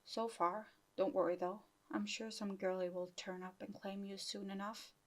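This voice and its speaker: A woman's voice: mid-range voice, little pitch movement, normal speed, close to an everyday voice. A woman reading as a teasing male barman. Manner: jovial, needling. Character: gruff middle-aged male pub barman, teasing.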